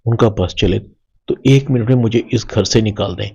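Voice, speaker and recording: Calm earnest young wife, read by a guy with a husky low voice. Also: highs cut off. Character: patient young wife keeping peace.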